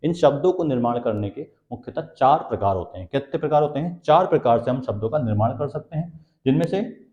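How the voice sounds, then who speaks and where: A man's voice: mid-range voice, animated, a little fast, warm tone. A man teaching Hindi grammar for exam prep, who asks questions and answers them himself and repeats the key terms. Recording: dull, echoey classroom sound.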